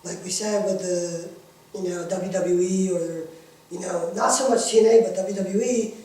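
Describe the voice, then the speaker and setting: A man's voice: high-pitched, fairly even intonation, moderate pace, mellow. A man chatting casually and informally in an interview, promoting a wrestling show, with frequent filler phrases. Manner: talkative, informal, repeatedly saying "you know". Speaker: independent wrestling worker being interviewed. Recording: very echoey room, distant mic.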